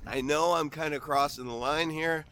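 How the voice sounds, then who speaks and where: Out on a walk, this fifty-something vlogger from the American Midwest rambles and jokes, frequently losing his thread and restarting. He has a fairly high, fairly even voice with a bright tone and moderate pace. There's a little hiss or hum in the audio.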